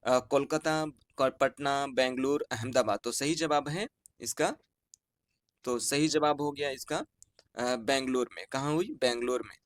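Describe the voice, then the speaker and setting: Brief: male teacher, Urdu-inflected Bihari Hindustani accent, reads exam options slowly and repeats answers, mid-pitched voice, dry close sound. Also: dry recording. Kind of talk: online exam answer-key lesson.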